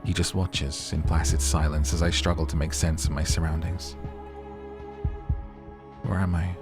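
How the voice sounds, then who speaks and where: A man reading a visual novel story aloud in a measured, dramatic narrating style. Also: extremely low pitch, level tone, over music. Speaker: video game player reading aloud.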